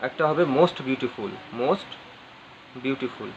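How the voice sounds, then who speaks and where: A man's voice: mid-range voice, expressive, extremely slow. A man teaching an English grammar lesson, spelling words letter by letter, repeating phrases and asking his viewers questions. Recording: slightly dull audio with faint ambient noise.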